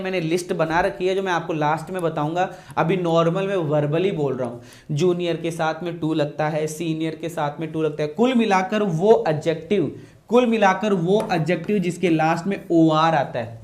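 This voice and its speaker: A man's voice: high-pitched, darkish tone. A man teaching English grammar in a classroom lecture, repeating key phrases and quizzing his students.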